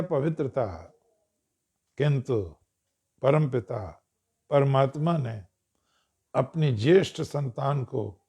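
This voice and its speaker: Guy lecturing a crowd w/ old stories, slowww careful delivery, keeps clearing his throat. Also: fairly high pitch, darkish tone. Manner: slow, measured, clears throat often. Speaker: speaker addressing an audience. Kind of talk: storytelling cultural discourse.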